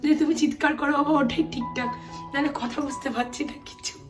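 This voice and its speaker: Woman vlogger, 30s, hoarse, high-ish, faint music behind. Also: steady tone, a little fast. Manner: chatty, storytelling. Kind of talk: casual vlog narration.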